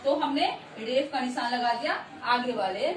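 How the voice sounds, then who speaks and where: A woman teaching a Hindi lesson to children, who repeats words slowly and often checks that they understand. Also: sits high, slight background noise. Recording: echoey room, voice from far off.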